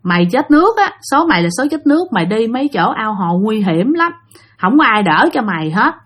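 A woman's voice: fairly high pitch, sing-song, fairly quick. A woman voicing the spirit of a dead old uncle, a stern and bossy man, scolding his family in a Southern Vietnamese accent. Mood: stern warning. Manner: scolding, warning.

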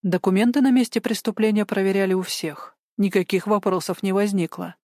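A woman narrating an audiobook in an even, steady storytelling manner. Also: mid-range voice, fairly quick, no echo, studio quality. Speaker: audiobook reader. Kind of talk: scripted narration.

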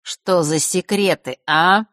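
A woman's voice: deep voice, expressive, very slow, no echo, studio quality, exaggerated voice. A woman playing a hissing bully of a teenage brother. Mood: menacing. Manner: hissing, threatening.

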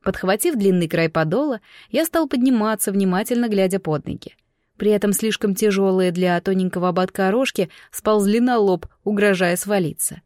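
Woman reading a fantasy audiobook, mid-pitched voice, dry close mic. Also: normal speed, a little mellow, dry recording. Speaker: audiobook narrator. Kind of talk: first-person fantasy novel narration.

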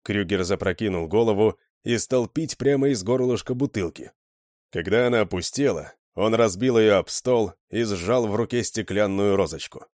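Низкий мужской голос чтеца. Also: male voice, fairly low pitch, moderate pace, no room sound, studio quality. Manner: steady storytelling. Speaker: audiobook narrator. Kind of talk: scripted narration.

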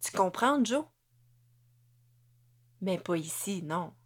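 A woman's voice: fairly low pitch, expressive, slow. A woman voicing a weary, bitter Québécoise soldier. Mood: tired bitter. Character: weary battle-scarred female officer, bitter.

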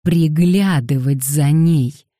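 A woman voicing a quick-tempered young man, hissing his lines through clenched teeth in an audiobook. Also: low-pitched, dark tone, no echo, clean studio sound. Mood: angry.

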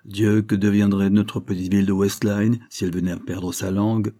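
A man's voice: on the low side, level tone, normal speed, warm tone, lightly acted. A man doing a wry young lawyer.

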